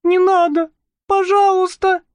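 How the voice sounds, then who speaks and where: A man's voice: very high-pitched, flat delivery, measured pace, dry recording, pitched above the performer's own voice. A man voicing a timid, frightened young woman who cries out and pleads in a trembling voice. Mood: pleading.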